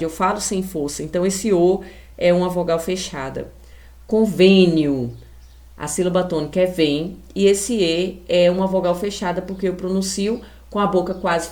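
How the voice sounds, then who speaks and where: Brazilian woman teaching a class, emphatic. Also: mid-range voice. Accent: Brazilian Portuguese. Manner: slow and emphatic, stretching example words; speaks straight to the class. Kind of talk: video lesson for children.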